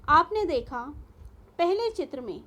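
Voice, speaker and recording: A woman's voice: very high-pitched, sing-song, unhurried, bright, forceful tone. A woman teacher giving a recorded school lesson, explaining carefully and spelling out sounds one by one.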